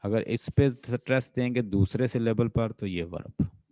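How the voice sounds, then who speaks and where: A man's voice: medium pitch, unhurried, dark tone, no room sound. A man with a Pakistani accent lecturing as a linguistics teacher, who keeps quizzing his students with repeated questions. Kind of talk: classroom lecture mixing Urdu and English.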